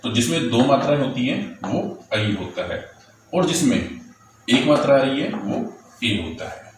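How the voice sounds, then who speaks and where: A man's voice: medium pitch, lively intonation, a little slow. A male teacher patiently explaining, step by step, how letters and vowel signs are written, asking and then answering his own questions. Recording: very echoey room, distant mic, faint noise.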